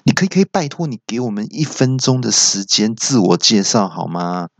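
A man voicing a fierce but whiny young thug who yells and pleads. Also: on the low side, very animated, normal speed, no echo. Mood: pleading. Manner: yelling, then pleading. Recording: dull lo-fi podcast audio.

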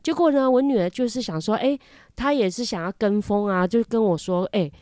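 A woman in her thirties with a Taiwanese Mandarin accent, telling a story from her life as a mother in an animated way, often repeating words. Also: brisk, dry recording, clean studio sound. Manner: animated, repeats words, lively pitch jumps. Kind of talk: casual storytelling chat.

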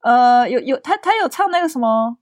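A woman with a Taiwanese Mandarin accent voicing a blunt, tactless old grandmother who blurts things out loudly and fumbles for words. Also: mid-range voice, lively intonation, dry recording, studio quality, lightly acted. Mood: loud blurting. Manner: loud, halting, searching for words.

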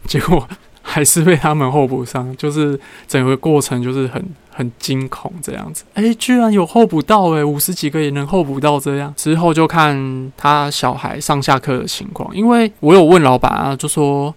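Smooth-voiced man, dry close mic. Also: on the high side, normal speed, no echo. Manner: chatty storyteller who acts out what people said. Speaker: podcast host. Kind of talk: casual solo podcast monologue.

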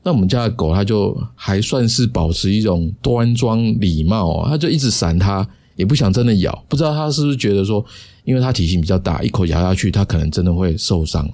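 Low-voiced man telling a story. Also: expressive, a little mellow. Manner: chatty, sprinkled with drawn-out particles. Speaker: podcast host. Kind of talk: casual solo podcast storytelling.

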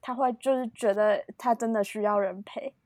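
A woman chatting casually on a podcast, lively and talkative. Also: on the high side, moderate pace, no echo. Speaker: podcast co-host. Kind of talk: casual chat.

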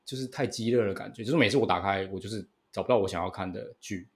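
A male podcast co-host in his thirties with a Taiwanese Mandarin accent. He talks very fast in a fairly low voice, bantering casually. He repeats phrases and often tags on questions to get agreement.

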